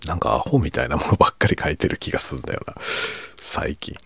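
Very deep, gravelly man murmuring late at night. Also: very animated, fast talker, no room sound. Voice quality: hushed low voice, often dropping toward a whisper. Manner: self-deprecating, rambling, chuckling under his breath. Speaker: fiction writer chatting to listeners. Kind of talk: quiet late-night casual monologue for falling asleep.

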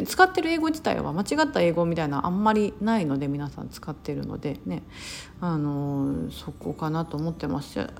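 Chatty woman from Osaka, low voice. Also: slight background noise. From Osaka, Japan. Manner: chatty, many fillers and self-corrections. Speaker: podcast host. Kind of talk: casual solo talk.

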